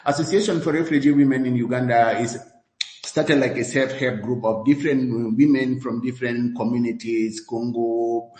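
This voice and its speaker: A man's voice: mid-range voice, steady tone, normal speed, darkish tone, slight background noise. A man from Cameroon with a Cameroonian English accent, speaking earnestly as a guest in a panel discussion. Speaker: technical advisor, guest. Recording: roomy echo.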